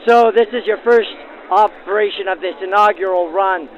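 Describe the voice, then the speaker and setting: With a high voice at a moderate pace, a man hosts and interviews in the style of 1940s radio. The lo-fi audio passes through a vintage filter, giving a thin old-time radio sound with music playing behind him.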